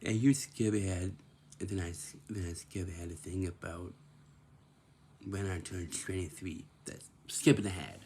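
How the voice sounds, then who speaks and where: Young guy in his twenties, low gravelly voice, slow and repetitive, quizzing himself in a casual chat to camera. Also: steady tone, warm tone, a little hiss or hum. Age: 20s. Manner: repetitive, asks himself questions and answers them.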